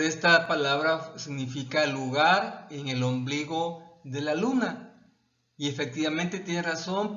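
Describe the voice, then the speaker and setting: Slow, halting Mexican teacher. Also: male voice, a little high, fairly bright tone. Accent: Mexican Spanish. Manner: halting, repeats words and restarts, addresses students as "jóvenes". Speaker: history teacher. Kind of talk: classroom lesson, reading and explaining a textbook. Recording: echoey, dull lo-fi room sound.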